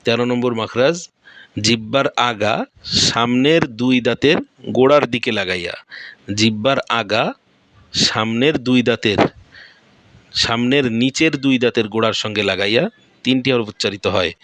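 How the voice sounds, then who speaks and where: A man's voice: mid-range voice, moderate pace, long pauses, a bit bright, no room sound. A man with a Bangladeshi Bengali accent teaching Quran recitation pronunciation step by step. He repeats each point and asks questions that he then answers himself.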